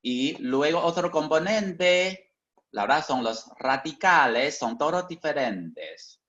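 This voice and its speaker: Very slow halting male lecturer, dull sound. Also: a little high, animated, a bit bright. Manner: constant tag questions, halting and self-correcting. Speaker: teacher. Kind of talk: online lecture. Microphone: video call.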